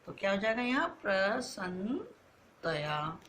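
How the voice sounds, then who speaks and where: A woman's voice: mid-range voice, animated, unhurried, pushed and bright, slight background noise. A woman teaching a Sanskrit lesson to schoolchildren, asking questions and answering them herself, stretching out the answers. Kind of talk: online class lesson.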